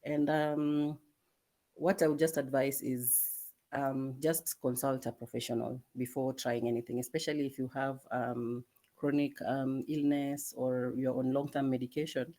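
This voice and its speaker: Woman, medical specialist on a video-call panel; mellow, hesitant, measured delivery. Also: deep voice. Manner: measured, many hesitant ums, soft-spoken. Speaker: dermatologist guest. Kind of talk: answering questions in a webinar panel.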